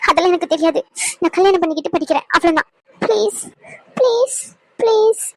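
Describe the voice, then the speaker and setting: A woman's voice: extremely high pitch, brisk, no room sound, rough recording. A woman voicing a stubborn, pleading young woman who wants to marry now, in a dubbed serial drama.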